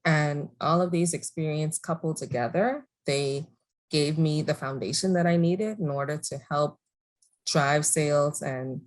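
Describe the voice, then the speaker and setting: A woman from the Bahamas, answering interview questions in a measured, thoughtful way and laughing easily. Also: low-pitched. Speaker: guest entrepreneur. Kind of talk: conversational interview.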